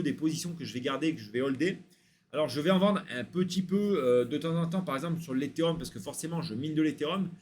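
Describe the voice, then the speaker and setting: A man talking casually to his viewers with lots of hesitant fillers, rattling off long lists in a relaxed way. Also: on the high side. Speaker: crypto YouTuber. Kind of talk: casual to-camera talk.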